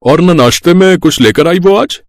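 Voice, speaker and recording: A grumbling elderly father-in-law from a moral storybook, fussy about his tea, played by a man. His voice is pushed higher and a little louder than usual. The sound is dry and close. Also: expressive, normal speed, no room sound. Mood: complaining.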